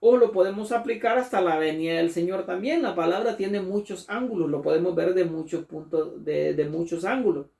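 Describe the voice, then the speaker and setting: Male pastor, earnest emphatic sermon delivery; dark gravelly tone, recorded distant in a roomy hall. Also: high-pitched. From Latin America. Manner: earnest, slow and emphatic, often addressing listeners as brother. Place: church. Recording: echoey church room from far off.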